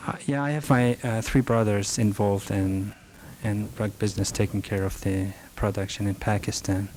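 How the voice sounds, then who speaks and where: A rug merchant from northern Afghanistan, middle-aged, speaks halting English with an Afghan accent as he answers his audience in a library meeting room. His voice is fairly low and steady in tone, soft-spoken, broken by frequent restarts and fillers. The archival recording has a faint hiss beneath it.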